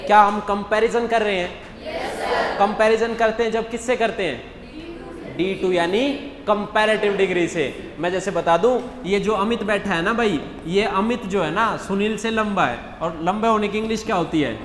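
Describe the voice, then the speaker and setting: High-voiced teacher man in an echoey hall. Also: moderate pace. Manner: keeps asking the class questions and answering them himself. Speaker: English teacher. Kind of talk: classroom lesson explaining mock test answers. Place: classroom with students. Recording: echoey hall with faint background hum.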